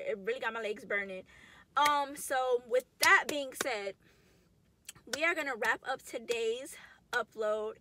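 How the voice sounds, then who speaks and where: This is a woman in her twenties filming a casual vlog in her car, speaking to camera with lots of slang, chatter and emotion. She has a high voice, and there's noise in the background.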